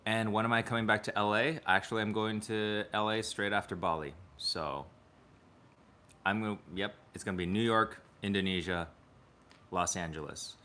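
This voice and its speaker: A man's voice: lowish voice, fairly even intonation, moderate pace, pushed and bright. A man hosting a casual livestream from his home, chatting with viewers, reading the chat aloud and laughing often. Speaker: livestream host.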